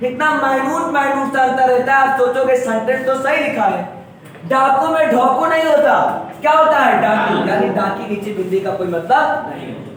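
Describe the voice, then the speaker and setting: A man's voice: extremely high pitch, moderate pace, fairly bright tone, slight background noise. A man from Uttar Pradesh teaching a classroom lesson, quizzing his students and repeating each word for the class. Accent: Uttar Pradesh Hindi. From Uttar Pradesh, India. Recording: echoey classroom from far off.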